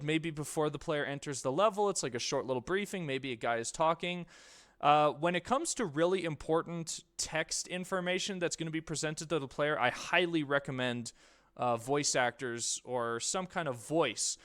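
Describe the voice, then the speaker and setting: A man, an indie game developer, giving a casual slide lecture on game design in loose, excited talk with lots of filler words. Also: mid-range voice, smooth.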